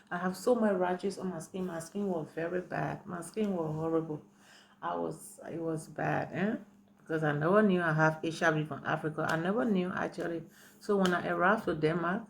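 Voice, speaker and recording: A Liberian woman in her forties gives a personal testimony in a low, gravelly voice. She speaks earnestly and circles back over her words, dotting them with "you know" and "right". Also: a little hiss or hum. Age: 40s. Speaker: storyteller sharing her life story.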